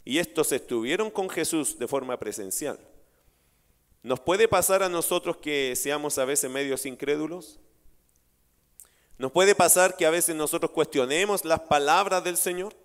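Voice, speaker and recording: High-voiced preaching man, resonant hall. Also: unhurried. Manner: rhetorical questions, addresses congregation as brothers. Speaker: pastor. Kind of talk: sermon. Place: church sanctuary. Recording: reverberant church hall.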